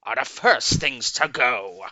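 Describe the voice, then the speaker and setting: A man's voice: mid-range voice, lively intonation, sharp tone, dry recording, full character voice, rough recording. A man voicing the Grinch of a storybook, a sly, sneering, mean Christmas thief who draws out his words and gloats. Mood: gloating. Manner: drawn-out, gloating delivery. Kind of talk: theatrical storybook reading.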